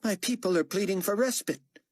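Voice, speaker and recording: A man's voice: high-pitched, fairly quick, a little mellow, dry recording, clean studio sound, pitched above the performer's own voice. A man putting on a seething, imperious tyrant. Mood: grudging. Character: imperious male world ruler, seething and threatening.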